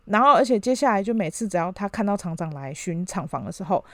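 A woman co-host tells a story quickly and animatedly, full of fillers. The recording is dry and close, with no room sound. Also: medium pitch, dry recording. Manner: animated retelling with many fillers. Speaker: podcast co-host. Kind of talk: casual conversational storytelling.

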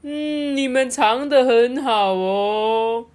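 A woman voicing a clumsy, cheerful man who plays hide-and-seek blindfolded, in a high, loud, drawn-out voice. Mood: playful calling.

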